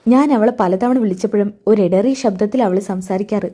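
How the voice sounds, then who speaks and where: A woman's voice: mid-range voice, normal speed, dark tone, lightly acted. A woman reading the part of a hurt, defiant young pregnant wife who confronts her in-laws. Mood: worried. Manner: pleading and confrontational.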